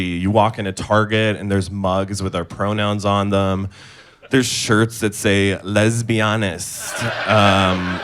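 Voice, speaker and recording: A young man from Indonesia performing a stand-up comedy set, delivering absurd punchlines in a deadpan way on a club stage. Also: lowish voice. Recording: live club set with clear audience noise.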